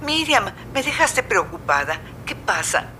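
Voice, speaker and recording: A woman voicing a calm spiritual friend who gently reassures. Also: medium pitch, unhurried, a little hiss or hum. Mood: reassuring. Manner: gentle, reassuring, explains calmly.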